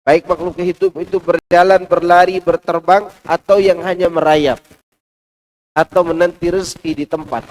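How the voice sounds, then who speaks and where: A male preacher giving a Quran commentary lecture in a large mosque, with a lively delivery that swings between loud and hushed. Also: sits high, moderate pace, poor audio. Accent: Indonesian.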